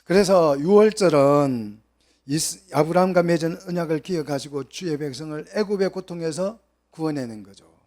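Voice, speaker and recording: A man preaching a Bible exposition sermon, questioning the congregation and swinging between soft asides and loud, emphatic peaks. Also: fairly high pitch, normal speed. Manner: asks the congregation questions and acts out quoted voices.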